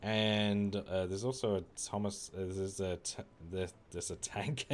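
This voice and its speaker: A man's voice: sits low, steady tone, a little slow, slight background noise. A young American man streaming a game, bantering casually with chat, laughing often and swearing. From United States. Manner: laid-back banter, laughs often, swears, mimics accents.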